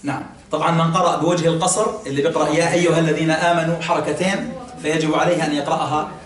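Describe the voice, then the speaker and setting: Sheikh giving a lesson, kinda high voice, echoey room, mic a bit far. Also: male voice, level tone, racing, crowd noise. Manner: explanatory, quizzes listeners, hesitant fillers. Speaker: sheikh teaching Quran exegesis. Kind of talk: classroom religious lesson. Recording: echoey room, mic at a distance, faint ambience.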